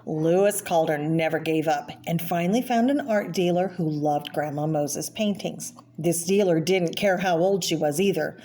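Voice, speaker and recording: The presenter, a woman with a low, warm voice, reads a picture book aloud to children, with a little hiss or hum in the background. She keeps pausing to name the pictures and offer informal explanations.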